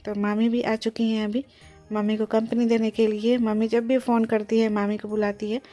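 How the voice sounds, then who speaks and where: A young, heavily pregnant woman narrates her day in an easygoing, chatty vlog, explaining each step to her viewers. Her voice sits a little high but stays level and mellow, with light music playing underneath. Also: flat delivery, moderate pace. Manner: chatty, explains as she goes, mixes in English words. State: pregnant, near delivery. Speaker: vlogger.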